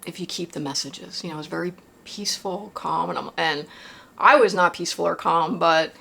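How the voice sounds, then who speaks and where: A woman's voice: lowish voice, brisk, gravelly, fairly bright tone, slightly rough. A woman vlogger recounting a personal experience in a casual confessional monologue, rambling with lots of fillers and tag questions.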